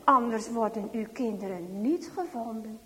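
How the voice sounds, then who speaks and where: A woman voicing a hoarse, power-hungry old village medicine man who speaks in slow, solemn pronouncements. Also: a little high, a bit bright, long reverb tail, voice pushed down, natural voice. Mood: solemn, ominous.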